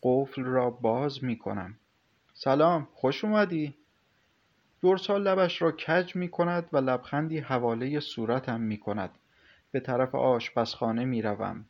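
A man narrating a first-person story in a calm, measured way. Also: mid-range voice. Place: recording studio. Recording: slightly muffled studio recording with soft music.

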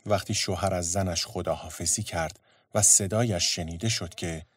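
A man narrating a story in a steady, measured storytelling voice. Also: low-pitched, no echo.

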